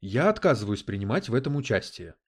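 A man's voice: lowish voice, big pitch swings, fast. A man doing an indignant scolding constable. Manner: scolding, exasperated. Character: indignant, strict male police constable.

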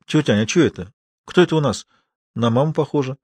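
A timid, tearful young woman in an audiobook, pleading and defiant by turns, as a male narrator voices her. Her lines sit somewhat higher than the narration, in a dry close recording. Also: lively intonation, fast, a little mellow, husky, dry recording.

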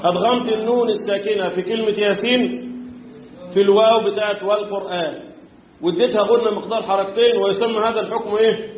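A man with an Egyptian accent teaching a tajweed lesson, quizzing his students and answering his own questions, chanting verses now and then and often clearing his throat. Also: sits high, steady tone, fast. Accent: Egyptian Arabic. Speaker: Quran recitation teacher. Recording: echoey room, tinny phone-like sound.

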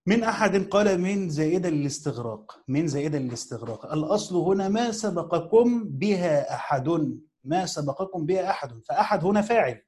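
In a classroom lesson, a man whose voice is fairly high and a little mellow, with lively intonation, reads and explains a commentary in an Egyptian accent. He takes it slowly, phrase by phrase, repeats important words, and asks his students rhetorical questions.

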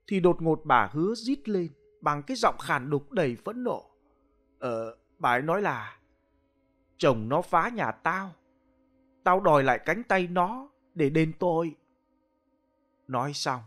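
A man's voice: on the high side, a bit bright, exaggerated voice. Brief: male narrator playing a shaken peasant woman, gossipy and exclaiming. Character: frightened peasant woman recounting horror.

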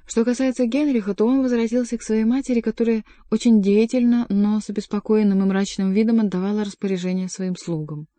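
A woman narrating an audiobook in a calm, measured way. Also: medium pitch, dry recording. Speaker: audiobook reader. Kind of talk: scripted narration.

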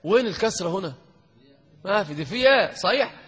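A man gives a grammar lesson in a lecture hall, his voice bright and a little husky. He keeps quizzing the class and teasing the students. The recording is lo-fi, with a long reverb tail from the hall. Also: high voice, lively intonation, brisk. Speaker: sheikh teaching Arabic grammar.

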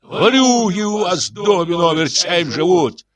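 A man's voice: sits high, very animated, a little slow, crowd noise, pitched above the performer's own voice. A man voicing a coarse, drunken male yard janitor who bellows curses. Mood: furious yelling. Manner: bellowing curses, crude and furious.

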